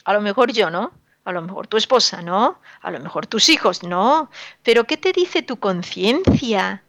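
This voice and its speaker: A woman with a mid-range, fairly bright voice and lively intonation gives a radio sermon at normal speed, with no room sound. As a religious radio speaker, she admonishes listeners emphatically, repeating herself and asking rhetorical questions with sorrow in her tone.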